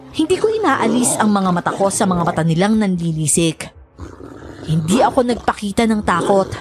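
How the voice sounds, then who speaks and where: Woman narrating a spooky tale. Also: medium pitch. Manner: steady, storytelling. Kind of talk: first-person story narration.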